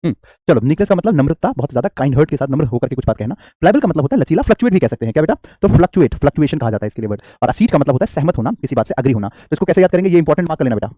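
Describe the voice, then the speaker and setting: A man's voice: on the high side, very animated, very fast, warm tone, dry recording, clean studio sound. A man teaching English vocabulary in a live online class, chatty and joking, calling his students "beta" and reading their comments aloud.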